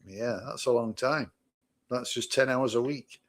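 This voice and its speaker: A man's voice: mid-range voice, fairly even intonation, a little slow. A man co-hosting a casual podcast chat, asking easygoing rhetorical questions. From Manchester, England. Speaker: co-host, business owner.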